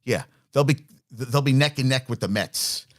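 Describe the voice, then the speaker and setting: A man hosting a sports talk show rants bluntly and profanely, swinging between strong opinions in a casual way. His voice is medium-pitched at a normal speed.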